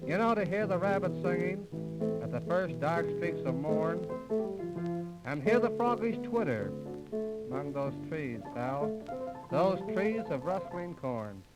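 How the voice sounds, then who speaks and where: A slightly high-voiced American man, one half of a singing comedy duo, delivers 1930s radio comedy patter and mock recitations with an expressive, unhurried, folksy yet mock-formal showman's flair. The sound is low quality, taken from an old 1930s radio transcription disc with music playing behind him.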